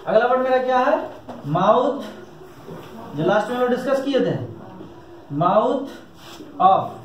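A man's voice: very high voice, expressive, moderate pace, slight background noise. A man teaching a classroom lesson in a joking way, often stopping to ask if the class has understood. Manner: jokey, asks checking questions. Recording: echoey classroom from a distance.

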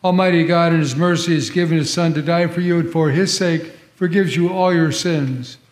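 A male pastor leads the prayers in a slow, solemn cadence, his slightly high voice ringing through the cathedral echo of a large church sanctuary. Each phrase is measured and ceremonial. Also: steady tone. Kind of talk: leading a liturgy.

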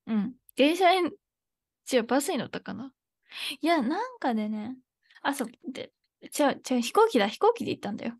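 Chatty young woman teaching, slightly high. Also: very animated, brisk, no room sound, clean studio sound. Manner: chatty, thinks aloud, laughs often. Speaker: Japanese teacher. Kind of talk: casual live online lesson.

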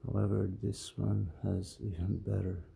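A man casually showing off his knives, mumbling in a quiet, halting way. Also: low-pitched, level tone, gravelly, slight background noise. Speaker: knife collector vlogger. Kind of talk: casual show-and-tell.

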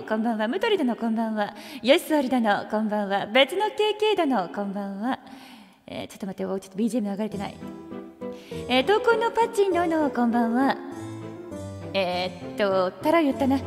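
A woman hosting a karaoke livestream and chatting casually, using an archaic regal way of talking and playfully greeting viewers one by one. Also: high-pitched. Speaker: virtual streamer hosting a karaoke stream. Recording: reverb-heavy with music playing behind.

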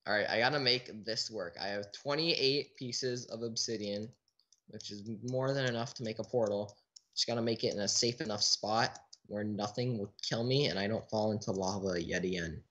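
A man's voice: fairly low pitch, moderate pace, a bit bright. A man giving casual let's play commentary, chatting in a restless way with a teammate who cannot be heard. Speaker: gaming channel host.

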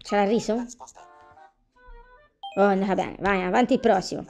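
Woman, gravelly texture, chatty game commentary over faint music. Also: mid-range voice, fairly even intonation, normal speed, darkish tone. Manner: chatty, talks to game characters and viewers. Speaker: gameplay commentator. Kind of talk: casual gameplay commentary.

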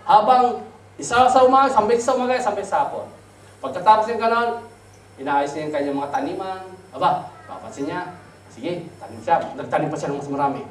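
A man preaching with a high, lively, swooping voice that drops to near whispers. He sounds far from the mic in a roomy church hall with faint noise in the background. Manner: animated, swings from loud to hushed. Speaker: pastor. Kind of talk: storytelling sermon, mixing Tagalog and English.

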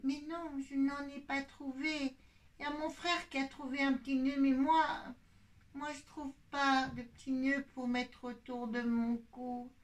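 A woman puppeteer voicing a sweet, polite little boy bear in a children's puppet show, in a soft childlike voice. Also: high-pitched, steady tone, measured pace, far from the mic.

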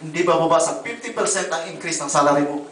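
A man preaching a sermon as pastor, telling testimonies in an animated way and calling listeners brother and sister. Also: on the high side, fast, a little hiss or hum. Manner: animated, voices quoted people, addresses congregation as brother and sister. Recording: echoey room, voice from a distance.

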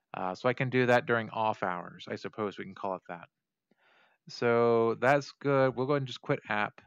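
A man's voice: mid-range voice, a bit bright, no room sound, dull audio. Rambling male streamer thinking aloud. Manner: rambling, thinks aloud and corrects himself mid-sentence; swears casually, talks to viewers. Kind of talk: casual let's play commentary.

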